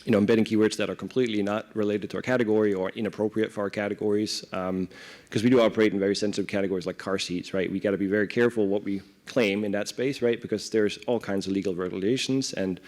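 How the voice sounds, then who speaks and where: He is a corporate director from Denmark, a guest in a conversational panel interview held live in front of an audience. With his Danish accent, he explains things informally and keeps checking in with "right?". The voice is on the low side and a little mellow, with fairly even intonation and a quick pace.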